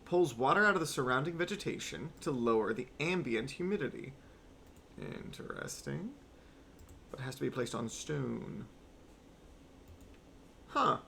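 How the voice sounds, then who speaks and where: A man's voice: medium pitch, expressive, a little slow, gravelly, pauses often, fairly bright tone, slight background noise. A young man streaming a game, rambling wryly with swearing asides as he plays. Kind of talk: casual gameplay commentary.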